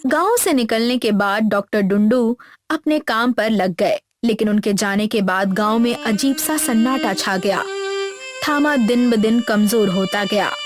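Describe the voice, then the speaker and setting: Woman narrating a storybook, fairly high voice. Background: background music.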